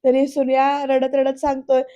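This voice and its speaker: High, flat-voiced woman recapping a serial. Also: moderate pace, clean tone. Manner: chatty, addressing viewers directly. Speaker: serial review narrator. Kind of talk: voice-over episode recap.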